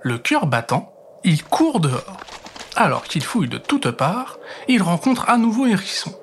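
A man reading a children's bedtime story aloud, expressive and gentle, dropping to soft whispers for suspense. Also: high-pitched, measured pace, a little hiss or hum.

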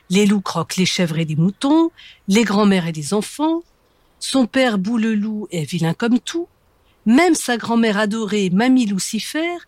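Woman reading a children's story, gentle, slow, dry close sound. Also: medium pitch, no echo.

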